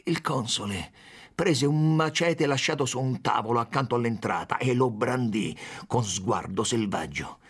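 Husky expressive male audiobook narrator. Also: mid-range voice, unhurried. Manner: expressive, dramatic reading.

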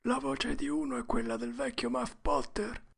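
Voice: mid-range voice, wildly swooping pitch, moderate pace, vocal fry, breathy edge, voice pushed up, full character voice. A storyteller voicing a frightened, superstitious young boy in whispered role-play, with a breathless, trembling whisper. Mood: panicked.

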